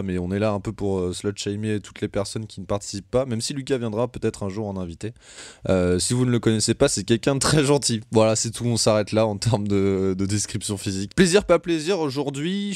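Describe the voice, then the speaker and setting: A man's voice: on the low side, darkish tone, no room sound, clean studio sound. Playful, teasing man hosting a podcast. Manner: playful, teasing, mock-formal. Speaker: podcast host. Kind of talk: casual podcast chat.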